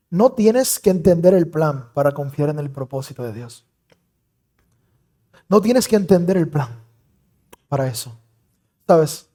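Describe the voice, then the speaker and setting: Male pastor, young adult, sermon, mellow tone, higher-pitched, emphatic, swings from loud to hushed. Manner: emphatic, dramatic swings in loudness.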